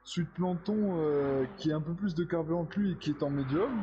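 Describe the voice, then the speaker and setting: Man, motorsport commentator, analytical live race commentary, slightly high pitch, muffled noisy recording. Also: a little fast, a crowd in the background. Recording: dull lo-fi sound, clear noise.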